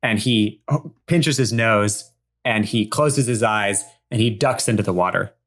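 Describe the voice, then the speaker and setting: A player narrating a comedic tabletop scene with vivid, steady storytelling. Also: medium pitch, a little slow.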